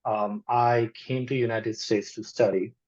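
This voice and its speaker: A young man from Nepal, an e-commerce marketer, is the interview guest here, speaking a little slowly in a lowish voice with a Nepali accent. The tone is easygoing and honest, with frequent "like" and "you know." Dull lo-fi audio.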